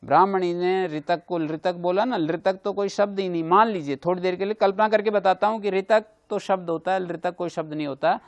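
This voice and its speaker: Guy teaching grammar class, kinda high voice w lots of gravel, goes over examples again n again. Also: steady tone, fairly quick, hardly any pauses, highs cut off. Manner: explains patiently, repeats examples. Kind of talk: classroom lecture.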